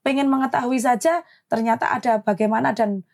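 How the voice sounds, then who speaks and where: A woman, a mother telling her story as a podcast guest, indignant and animated. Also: on the high side, brisk, gravelly. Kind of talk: emotional storytelling in a podcast interview.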